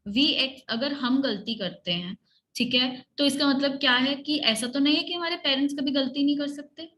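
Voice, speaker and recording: Bright high-voiced woman teaching children. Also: normal speed. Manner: asks questions and has children repeat. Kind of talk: online class for children. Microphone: computer mic on a video call.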